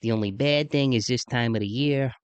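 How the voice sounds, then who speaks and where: A podcast host in his mid-thirties talks in a laid-back, slangy way, saying "man" often. Sinus congestion makes his mid-range voice deeper than usual, though it stays clear and resonant at a brisk pace. The audio is dull but has no echo.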